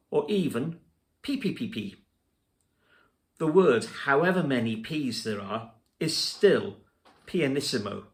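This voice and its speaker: A man teaching music theory, spelling out terms letter by letter in a slow, deliberate lesson narration. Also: mid-range voice.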